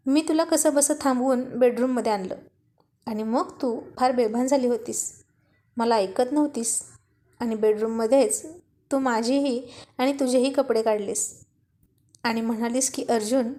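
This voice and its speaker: Teasing young husband in an audio story, slow and sly, mellow tone, read by a woman. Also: fairly high pitch, lightly acted.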